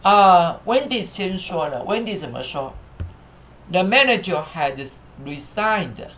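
A man's voice: high-pitched, lively intonation, slow, a bit bright, slight background noise. A man teaching English on a live stream. He spells words out letter by letter, repeats each phrase, uses many fillers, and thanks viewers as he goes. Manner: thanks viewers and asks the crew to fix captions.

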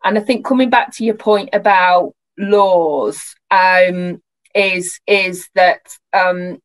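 Very slow, low-pitched woman. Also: fairly even intonation. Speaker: researcher on a panel. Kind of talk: thoughtful webinar answer. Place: room at home, indoors. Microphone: computer microphone on video call.

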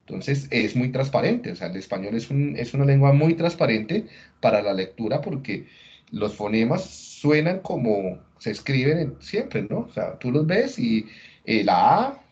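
A man teaching a class at a middle pitch, walking through ideas one step at a time and constantly checking that his listeners are following. He often restarts and reworks his sentences as he talks. The audio is dull and lo-fi. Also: a little mellow. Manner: restarts and rephrases mid-sentence. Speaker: lecturer. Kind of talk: explanatory class lecture.

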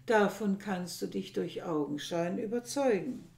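Woman reading male king, composed, formal, mellow, roomy echo. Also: medium pitch, unhurried, vocal fry, a little hiss or hum. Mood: measured. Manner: calm, formal address. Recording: echoey room.

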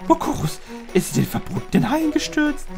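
A tiny forest sprite chatters in a high, squeaky falsetto, voiced by a man. The voice sits far above his own, and loud game music plays underneath. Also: wildly swooping pitch, a little fast, creaky, full character voice. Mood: panicky. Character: small frantic male forest spirit.

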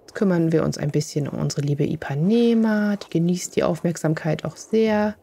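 A woman's voice: fairly low pitch, moderate pace, gravelly, mellow, slight background noise. A woman hosting a casual gaming let's play, chatting along as she plays and cooing fondly at the animals. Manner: coos fondly at her game animals.

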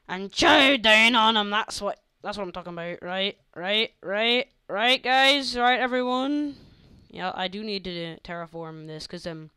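A man's voice: high-pitched, sharp tone, clean tone, no room sound, clean studio sound. A teenage boy giving casual, goofy gameplay commentary and chatting to his viewers as he plays. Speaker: gaming channel host.

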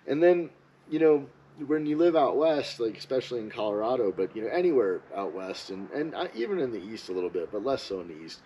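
A man's voice: medium pitch, animated, fairly quick, dark tone, highs cut off, a little hiss or hum. A man giving a casual, rambling, opinionated monologue as a ski vlogger.

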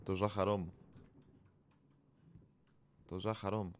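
A man's voice: sits low, flat delivery. A man hosting a horror game let's play, commenting casually, swearing often and yelping when startled. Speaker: gaming channel host.

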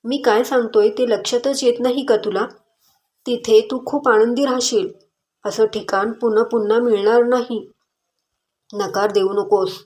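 A stern middle-aged father with a quick temper, pushing and scolding in an insistent tone, as a woman storyteller puts him on. The voice stays close to the reader's own, at a middle pitch for a woman. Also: fairly even intonation, darkish tone, close to an everyday voice. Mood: angry.

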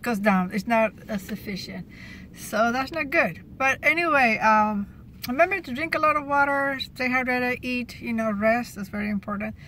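Talking from a parked car, this woman in her fifties describes her cashier job in a casual car vlog recorded on a phone at arm's length. Her voice sits high and bright with a forceful tone, and the audio is poor with slight background noise. Chatty by nature, she keeps restarting sentences and laughs whenever things get gross.

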